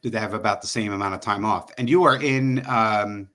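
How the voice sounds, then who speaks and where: A man's voice: fairly low pitch, brisk, bright, forceful tone. A middle-aged man hosting a podcast, chatting in a jokey, rambling way. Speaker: podcast host. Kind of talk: casual podcast chat.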